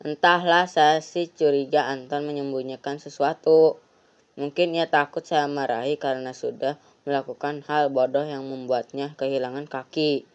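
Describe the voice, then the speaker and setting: A woman's voice: sits low, fairly even intonation, normal speed, smooth, natural voice. A worried, fussing mother, voiced by a woman, scolding her son. The recording sounds dull and lo-fi.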